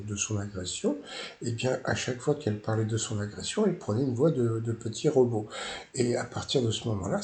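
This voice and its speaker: A man giving casual video commentary in a hesitant, halting way. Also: mid-range voice, darkish tone. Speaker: YouTube commentator. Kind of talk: casual spoken commentary on TV news. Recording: echoey room with faint noise.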